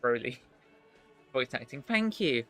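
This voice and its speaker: A man's voice: mid-range voice, big pitch swings, measured pace, bright, forceful tone, soft background music. A man giving chatty asides while streaming a video game. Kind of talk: casual game-stream commentary.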